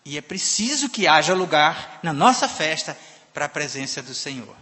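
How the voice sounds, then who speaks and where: A man preaching a sermon in a church, emphatic, swinging between loud and soft passages. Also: on the high side, sing-song, normal speed. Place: church sanctuary. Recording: long reverb of a church hall.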